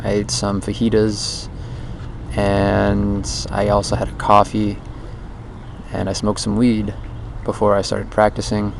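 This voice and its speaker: A vlogger keeps a daily challenge diary outdoors under a bridge, rambling casually and introspectively into a handheld voice recorder. His voice is on the low side and creaky. The dictaphone-style recording carries background noise.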